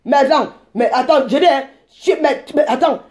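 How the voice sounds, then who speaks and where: High-voiced woman in her 40s ranting on a live stream, combative, rambles and yells at commenters. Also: unhurried. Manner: combative, insulting, rambling, bursts into shouting.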